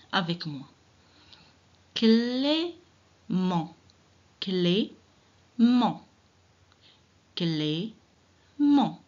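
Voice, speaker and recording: A woman teacher giving an early reading lesson, speaking directly to children, encouraging them and sounding out syllables slowly and deliberately. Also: on the high side, a bit bright, slightly rough, highs cut off. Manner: slow, drawn-out syllable-by-syllable reading. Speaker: primary school teacher.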